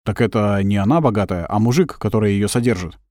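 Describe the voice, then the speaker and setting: A man voicing a young male agent in his twenties who asks plain, earnest questions at an unhurried pace. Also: lowish voice, darkish tone, no room sound, studio quality, lightly acted. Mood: curious.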